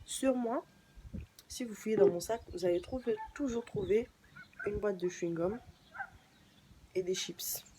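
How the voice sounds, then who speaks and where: A young woman vlogging casually to camera in a chatty, playful way, with sudden leaps up in pitch. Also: a little slow, long pauses, noisy background.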